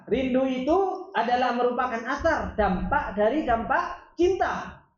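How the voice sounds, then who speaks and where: A man teaching an Islamic study circle, reading Arabic lines and then explaining them with lively rhetorical questions to the audience. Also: extremely high pitch, unhurried. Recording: roomy, dull lo-fi sound.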